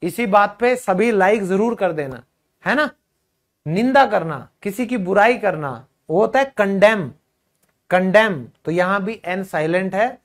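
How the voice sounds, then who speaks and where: A man's voice: high voice, expressive, a little slow. A man teaching English pronunciation in a video lesson. He explains patiently, repeats each drilled word, and calls his viewers children and friends.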